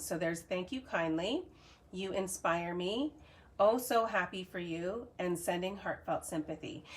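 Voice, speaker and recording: An adult woman from Canada, chatting casually through a live cardmaking tutorial, upbeat and reading viewer comments aloud. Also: lowish voice. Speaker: cardmaking demonstrator.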